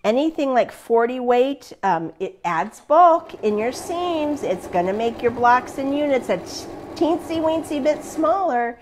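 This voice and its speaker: A woman's voice: high voice, expressive, measured pace, few pauses, a little hiss or hum. Chatty upbeat woman quilting teacher. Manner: chatty, upbeat, laughs often. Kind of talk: live online sewing class.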